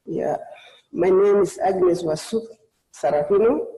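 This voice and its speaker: A woman's voice: on the low side, a little slow, mellow, reverberant, rough recording. A woman from Sudan, preaching a sermon as a guest in a church, earnest and personal. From South Sudan. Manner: earnest, personal testimony with frequent restarts.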